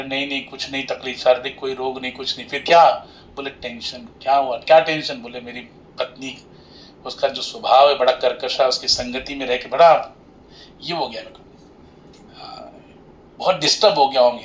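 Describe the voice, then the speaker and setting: A man giving a devotional sermon, telling a comic parable and acting out both husband and wife, swinging between loud cries and soft asides. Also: medium pitch. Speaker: katha narrator. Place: Navi Mumbai.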